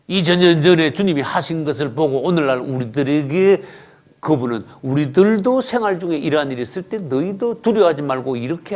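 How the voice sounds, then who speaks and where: Animated preaching man, swinging pitch. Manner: emphatic preaching with rhetorical questions; swings from loud outbursts to low murmurs. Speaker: pastor. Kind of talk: sermon.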